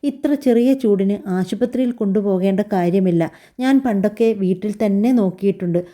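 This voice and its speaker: A possessive older grandmother in a spoken family story, read by a woman. She talks insistently and pleads when refused. The voice is very dark and mellow. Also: medium pitch, a little fast, lightly acted. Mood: coaxing.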